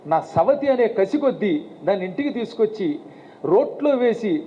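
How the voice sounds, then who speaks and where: A man's voice: high-pitched, very animated, moderate pace. A man in his fifties voicing a tearful, jealous elderly wife who speaks in a scolding, aggrieved way, as a story inside a sermon. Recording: tinny phone-like sound, faint hiss.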